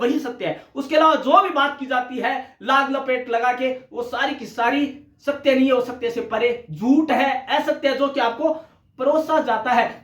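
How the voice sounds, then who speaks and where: A man's voice: extremely high pitch, fairly bright tone, highs cut off. A male teacher giving a conversational recorded lecture, often addressing listeners as friends. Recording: echoey room.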